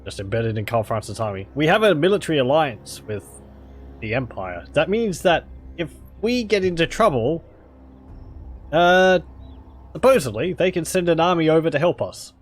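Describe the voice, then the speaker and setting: A man's voice: a little high, sing-song, normal speed, faint music behind. A man hosting a casual strategy game playthrough, musing aloud and joking as he plays. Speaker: gaming video host.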